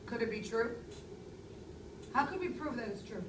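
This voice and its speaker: A woman in her thirties teaches a language lesson to a class, her voice fairly high and her key words given strong stress. She is picked up by a camera across an echoey classroom. A steady hum of room noise sits behind her. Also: normal speed, far from the mic. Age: 30s. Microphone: far camera.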